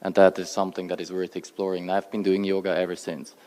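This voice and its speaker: A man giving an earnest, halting speech as an invited speaker at a formal event. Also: deep voice, level tone, darkish tone. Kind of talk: prepared speech. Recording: long reverb in a large hall.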